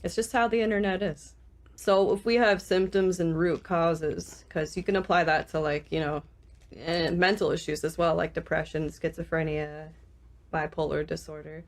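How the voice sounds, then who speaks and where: A woman with vocal fry, talking reflectively in a casual discussion as a podcast co-host. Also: low voice, fairly even intonation, moderate pace.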